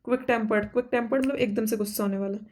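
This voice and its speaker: A woman with an Indian English accent teaching vocabulary for exams, repeating each word and asking herself quick questions. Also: fairly high pitch, fairly even intonation, darkish tone. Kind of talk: exam-prep vocabulary lesson.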